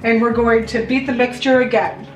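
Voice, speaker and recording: A young adult American woman, a home baking vlogger, chats her way through a recipe step by step in an instructive tutorial style. Her voice is a little high with fairly even intonation and a moderate pace. She's indoors in her home kitchen, which gives the recording a roomy echo, with faint music in the background.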